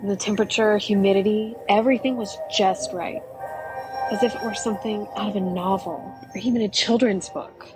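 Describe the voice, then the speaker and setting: A woman's voice: medium pitch, steady tone, brisk, over music, poor audio. A woman narrating an adventure story in a chatty, conversational way. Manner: chatty, with frequent "you know".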